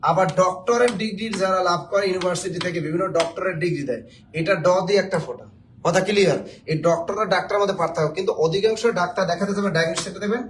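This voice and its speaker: A man's voice: high voice, very fast, slight background noise. A man from Bangladesh, teaching a spelling lesson for job exams, joking and quizzing his viewers.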